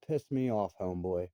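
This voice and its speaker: A man's voice: low-pitched, dark tone, no room sound. A man in his thirties giving an angry, profane personal rant. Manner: profane, confrontational, heated. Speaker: vlogger.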